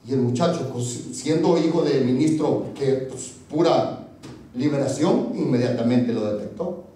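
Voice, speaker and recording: Male pastor, dramatic sermon delivery; mellow tone, distant mic in a reverberant church. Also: moderate pace. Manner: dramatic storytelling with swings in pitch and pace, speaking in tongues. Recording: echoey church from far off.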